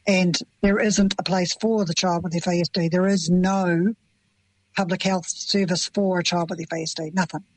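A middle-aged New Zealand woman, a parent of children with FASD, gives emotional interview answers in an earnest, impassioned, plain-spoken way. Her voice is lowish and darkish, steady in tone and moderate in pace, on a rough recording.

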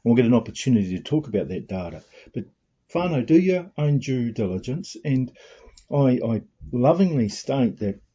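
A man's voice: medium pitch, sing-song, normal speed, warm tone, slightly rough, dull audio. A man hosting a talk show in an earnest, informal, chatty way, using greetings. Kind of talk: casual chat show introduction.

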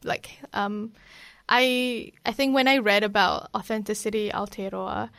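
A woman's voice: mid-range voice, a little slow, clean tone, dry recording. Chatty New woman host, dry sound. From Malaysia. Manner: warm, hesitant, many "like" and "um" fillers. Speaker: interview host. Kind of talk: casual interview.

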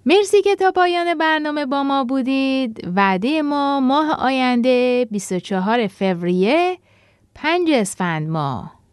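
A woman hosting a radio show and narrating a children's story gently. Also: high-pitched, animated, clear, resonant tone, no echo, clean studio sound.

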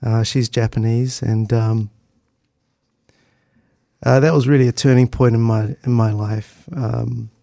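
Recorded at studio quality without echo, a gravelly, dark-toned man of middle age speaks at medium pitch with a steady tone. He's from Christchurch and has a New Zealand accent, recalling the past as an interview guest in a hesitant, conversational way, his halting delivery thoughtful.

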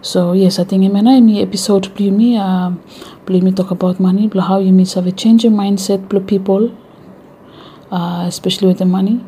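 A woman's voice: medium pitch, steady tone, moderate pace, warm tone, a little hiss or hum. A woman with a Vanuatu accent hosting an informal educational radio talk in Melanesian pidgin mixed with English. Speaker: radio show host.

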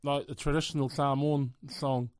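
A man's voice: medium pitch, little pitch movement, clear, resonant tone, no echo. Man hosting community radio interview. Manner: gentle, laughs often, halting with fillers.

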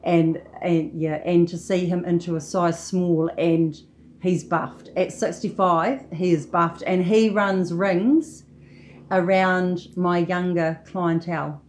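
A woman's voice: on the low side, fairly even intonation, slow pace, a little mellow, slight background noise. A woman talking casually as an interview guest about her own work as a trainer.

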